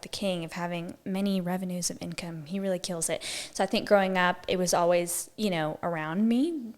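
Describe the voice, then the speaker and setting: Chatty Texan woman, low voice. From Houston, Texas. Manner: chatty, self-deprecating, laughs easily. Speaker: podcast guest, business owner. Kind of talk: casual interview chat.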